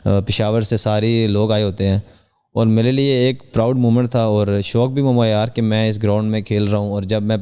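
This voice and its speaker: A young man from Pakistan speaks as a podcast guest in a low, mellow and smooth voice. He keeps an even, flat delivery. His earnest answers are measured and broken by hesitant fillers. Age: young adult. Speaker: cricketer guest. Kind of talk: podcast interview.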